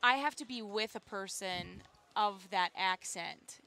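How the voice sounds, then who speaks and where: Young woman sideline reporter, bright and lively, chatty, quick to laugh. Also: mid-range voice. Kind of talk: casual chat. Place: arena courtside.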